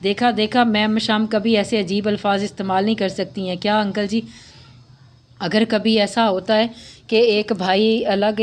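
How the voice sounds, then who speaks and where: A woman's voice: mid-range voice, natural voice. A woman voicing a bubbly, teasing young girl in a read-aloud story. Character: chirpy cheeky young girl.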